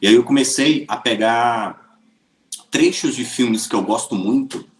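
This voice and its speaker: A man with a Brazilian Portuguese accent, an interview guest telling stories casually with lively hesitations. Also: medium pitch, unhurried. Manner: chatty, lively, with frequent hesitations. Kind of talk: casual storytelling. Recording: roomy echoey room.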